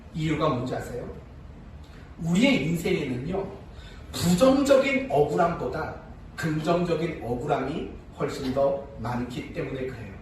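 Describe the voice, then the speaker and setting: Male pastor mid-sermon, lively and talkative, asks the room questions, slightly high voice, roomy distant church sound. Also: a little hiss or hum. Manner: animated, talks to the congregation with rhetorical questions. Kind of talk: sermon with storytelling.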